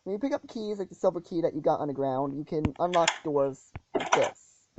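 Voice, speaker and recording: A woman's voice: sits low, brisk. A woman hosting a casual gameplay walkthrough, talking hesitantly with many ums and restarts. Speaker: gaming channel host. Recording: dull lo-fi audio with loud noise.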